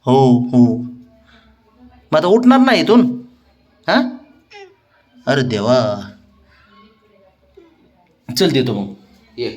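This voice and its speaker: A man's voice: medium pitch, wildly swooping pitch, takes it slowly. A man, talking to his pets in coaxing, teasing baby talk. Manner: coaxing, sing-song, teasing. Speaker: pet owner vlogger.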